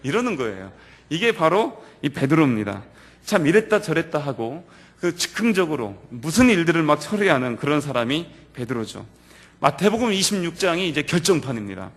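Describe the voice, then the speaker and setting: Animated higher-voiced male pastor preaching. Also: brisk. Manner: animated storytelling that acts out quoted lines. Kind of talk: sermon to a youth service. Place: church sanctuary.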